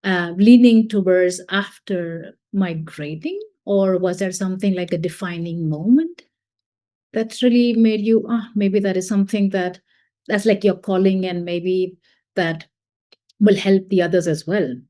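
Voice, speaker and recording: A woman's voice: medium pitch, a little slow, dark tone. A woman hosting a podcast interview, asking long, meandering questions. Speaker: podcast host.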